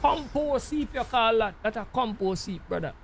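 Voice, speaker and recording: A Jamaican man with a rather high voice chats casually over a truck-driving game. He muses aloud and keeps checking in with the listener. Loud engine noise from the game runs under his voice. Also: lively intonation, normal speed, creaky. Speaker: gaming channel host. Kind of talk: casual rambling commentary over gameplay. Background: truck driving game sounds.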